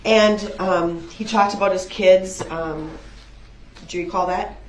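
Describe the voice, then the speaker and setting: A woman speaks in a lowish voice, heard from a distance in an echoing room with faint noise. She is a prosecutor questioning a witness, formal and procedural in her delivery. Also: fairly even intonation, unhurried.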